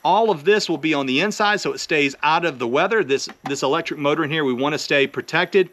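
Outdoors next to his chicken coop, the middle-aged host of a homesteading channel holds the camera at arm's length and talks through each step plainly and casually. He speaks fairly quickly in a somewhat high, slightly bright voice, with a little hiss or hum in the audio.

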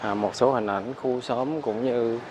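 A man's voice: medium pitch, fairly even intonation, measured pace, muffled recording. A man with a southern Vietnamese accent giving a casual, hesitant walking tour as a vlogger. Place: outdoors, apartment stairways and narrow alleys. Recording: noisy outdoor street ambience, animals, vehicles.

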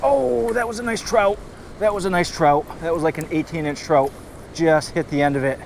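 A man's voice: a little high, normal speed, gravelly. A man with a New England accent giving upbeat play-by-play of his fishing on a river, filmed on a head-mounted camera. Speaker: fishing vlogger. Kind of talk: casual outdoor narration to camera. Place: outdoors on a rocky riverbank. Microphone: head-mounted action camera. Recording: faint river and wind noise.

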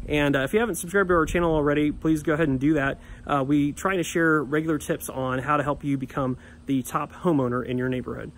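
A man's voice: on the high side, fairly even intonation, quick pace, few pauses. A man in his thirties hosting a home maintenance vlog, talking plainly with fillers and restarts, filmed on a phone at arm's length outdoors in a suburban yard. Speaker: home maintenance channel host. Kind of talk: casual how-to vlog. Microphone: phone camera at arm's length. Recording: outdoor phone audio with clear background noise.

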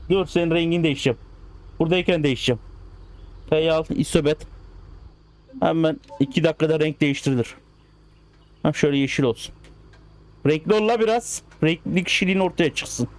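Excitable young-sounding man narrating a driving game. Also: fairly high pitch, fairly quick, pauses often. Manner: excitable, coaxing the cars like pets. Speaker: gaming channel host. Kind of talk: casual gameplay commentary.

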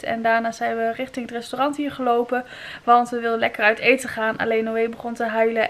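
Een jonge vrouw met een Nederlands accent die ontspannen en babbelend vlogt, met veel aarzelingen. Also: female voice, on the high side. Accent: Dutch. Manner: relaxed, chatty, many filler sounds. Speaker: vlogger, new mother. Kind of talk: casual vlog chat.

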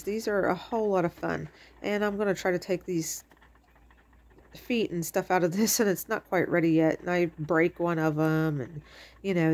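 A middle-aged woman's fairly low, slightly mellow voice carries a touch of allergy congestion. As host of a crafting channel, she chats her way through a home craft tutorial in the kitchen, rambling and using lots of fillers.

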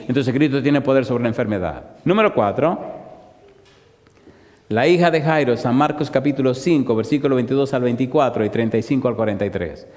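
A man preaching a sermon, firing rhetorical questions at the crowd and swinging from loud bursts to slow, hushed emphasis. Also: mid-range voice, long reverb tail.

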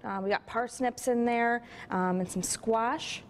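A middle-aged woman chef instructor walking through a recipe in a relaxed, chatty way with plenty of fillers. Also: on the high side, measured pace, slight background noise. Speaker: cooking school chef instructor. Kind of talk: casual cooking demonstration. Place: studio kitchen.

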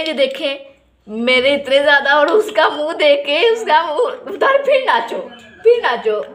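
A woman's voice: sits high, a bit bright. A woman, casually narrating a family vlog as she plays a game with her child, teasing and playful.

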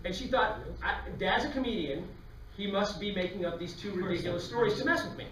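A man's voice: sits high, fairly quick, slight background noise. A man giving a comedy talk and acting out voices as he tells stories to a live audience. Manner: animated, acts out voices while telling stories. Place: lecture hall with a live audience. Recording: echoey hall, from a distance.

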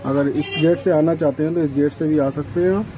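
A young man with a Farrukhabad Hindi accent gives a chatty walking tour through a packed shrine courtyard at night. He keeps pointing things out to his viewers in a mellow, relaxed voice. He is recorded on a handheld phone, with faint music in the background. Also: a little high, brisk. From India. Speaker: vlogger. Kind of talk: casual walking tour vlog. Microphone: handheld phone camera.

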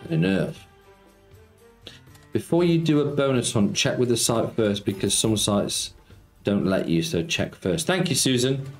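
A middle-aged slots streamer from Nottingham, England, chats casually on a live stream, reading viewer messages and greeting them with cheeky banter. His medium-pitched voice is expressive and creaky, and he talks a little slowly. He is indoors in an echoey home streaming room with faint background music.

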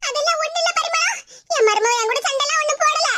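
A woman voicing a worried, soft-hearted elderly village grandmother with a Tirunelveli Tamil accent. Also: very high voice, fast talker, noisy background.

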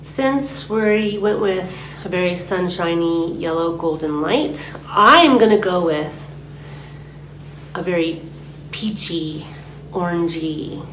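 Slow, soft-spoken woman guiding meditation. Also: lowish voice, vocal fry. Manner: slow and soft, often dropping to a whisper. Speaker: meditation teacher. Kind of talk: guided meditation. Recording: roomy recording with a steady hum.

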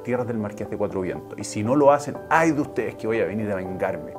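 A man voicing a cunning, scheming talking cat that flatters a king and bullies peasants, in a storytelling for listeners. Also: lowish voice, a little fast, over music, natural voice. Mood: commanding. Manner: flattering to royalty, threatening to peasants.

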